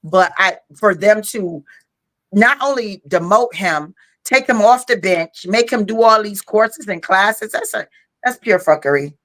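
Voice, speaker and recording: Her mid-range voice is animated and fairly bright, moving at a measured pace, as she co-hosts a podcast in casual conversation. She's frank and chatty, peppers her speech with "you know," and sounds tired, yawning after a long day.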